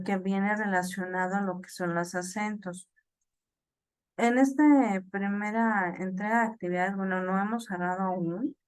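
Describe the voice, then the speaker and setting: A woman teaching an online class, explaining slowly with fillers and repeats and checking in with "ok?". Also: medium pitch, no echo. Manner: slow, halting explanation with many fillers and repeats; checks understanding with "ok?".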